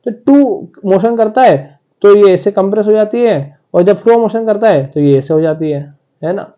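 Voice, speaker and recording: Here a male physics teacher speaks at a moderate pace in a high-sitting voice with a dark tone, and the audio is dull. During his classroom lecture he talks directly to the students and plays out their questions aloud.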